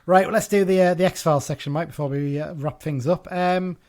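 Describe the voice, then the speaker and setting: A man's voice: a little high, a little fast, darkish tone. A man hosting a casual football podcast, chatting loosely with frequent restarts and self-corrections. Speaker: podcast host.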